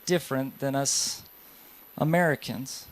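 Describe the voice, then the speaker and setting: A man's voice: mid-range voice, a little slow. A man in his thirties, a dentist giving a live lecture to other dentists in a hall, telling stories and asking the audience questions. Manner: lively storytelling, addresses audience directly.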